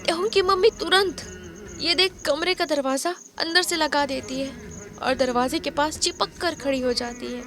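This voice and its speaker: A woman narrating a dramatic fan fiction story, expressive and unhurried, over background music. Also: sits high.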